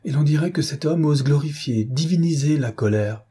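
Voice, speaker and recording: A man's voice: a little high, moderate pace, warm tone, husky, pitched above the performer's own voice. A man voicing a frightened, distraught young woman who speaks in breathless, gasping cries in a read-aloud novel. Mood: shaken.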